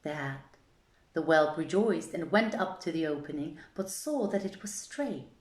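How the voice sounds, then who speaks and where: In an echoey room, a woman with a low, expressive, darkish voice reads an old tale aloud at a measured pace. Her scripted narration is theatrical and formal, full of archaic phrasing.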